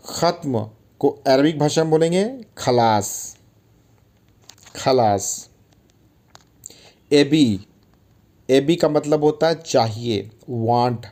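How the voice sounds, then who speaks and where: Guy teaching arabic words, warm mellow voice, talks casual and chatty, says every word twice. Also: mid-range voice. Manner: chatty, calls listeners brother, repeats words for drilling. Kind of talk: casual spoken language lesson.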